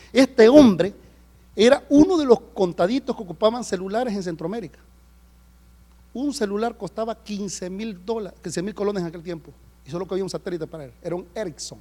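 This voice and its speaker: A man preaching a sermon as pastor, telling stories with sudden swings from hushed to loud. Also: on the high side. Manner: animated storytelling, swinging between hushed and loud. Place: church service.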